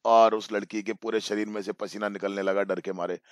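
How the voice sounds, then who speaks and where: A male English teacher explaining a story line by line in a bilingual lesson. He reads the English slowly, then paraphrases it and repeats phrases for emphasis. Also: lowish voice, flat delivery, smooth, dry recording, clean studio sound.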